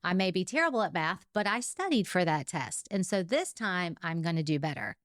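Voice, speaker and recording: A woman hosting a podcast, explaining ideas in a calm, coaching way. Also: lowish voice, fairly quick, no echo, clean studio sound. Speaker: podcast host. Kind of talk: casual podcast conversation.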